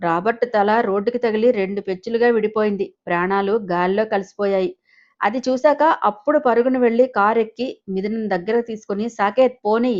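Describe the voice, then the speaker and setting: A woman storyteller reads a serialized emotional story with dramatic, emotive delivery. Her pitch stays mid-range, and the recording sounds muffled and lo-fi. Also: brisk, a little mellow. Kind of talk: scripted emotional audio story narration.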